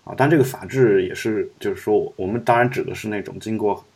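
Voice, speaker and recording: A male podcast host with a lowish, slightly mellow voice and a breathy edge talks briskly in a casual podcast discussion. He rambles reflectively through his views, full of fillers and restarts.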